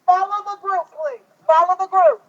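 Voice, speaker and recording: A woman shouting route directions to a street crowd through a bullhorn, insistently repeating her orders outdoors. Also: extremely high pitch, steady tone, moderate pace, highs cut off, heavy background noise. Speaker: protest marshal.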